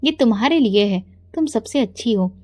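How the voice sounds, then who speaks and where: A woman voicing a mentally ill young husband who pleads and talks like a child, in a calm storybook reading. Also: on the high side, normal speed, no echo, studio quality. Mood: childlike pleading.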